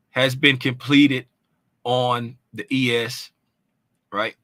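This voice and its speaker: With a medium-pitched voice that's pushed and bright, a trading educator casually talks through charts without any room sound. He often checks in with "right?" and "you know what I'm saying?" while his informal phrasing restarts here and there.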